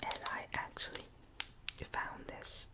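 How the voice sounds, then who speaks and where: A young person speaks entirely in a soft whisper, very slowly and without hurry. The delivery is a casual ASMR ramble, breathy and intimate, placed right up at the ears through a close binaural microphone. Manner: whispering ear to ear, close to the listener. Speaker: ASMR video maker.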